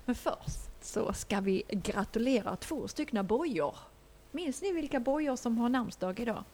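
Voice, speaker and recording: A woman hosts a relaxed community radio chat, laughing easily and filling pauses as she talks. Her voice sits a touch high. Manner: chatty, giggly, loose with fillers. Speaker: radio host.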